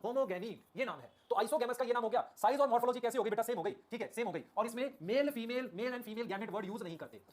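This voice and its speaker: A man teaching a biology class live online, repeating key terms and asking "okay? clear?" while calling his students children. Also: extremely high pitch, fast talker, few pauses. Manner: addresses students affectionately as children.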